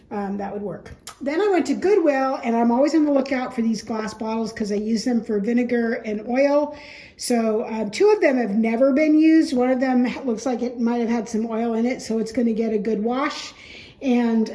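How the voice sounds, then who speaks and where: A woman chatting casually in a home vlog, talking through her cooking and shopping in a relaxed, rambling way with frequent ums. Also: a little high, low-quality recording. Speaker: vlogger. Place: home kitchen.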